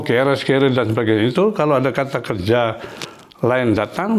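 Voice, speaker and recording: A man with a medium-pitched voice teaches a language lesson, patiently explaining and slowly repeating words and verb forms.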